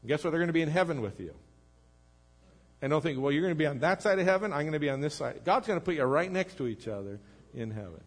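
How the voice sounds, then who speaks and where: A man delivers a sermon from the pulpit. His voice sits a little higher than most men's. He preaches earnestly, pressing some phrases with force and letting others sink low and quiet. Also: expressive, quick pace. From United States. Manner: earnest preaching, rising to emphatic then dropping low and quiet. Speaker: pastor.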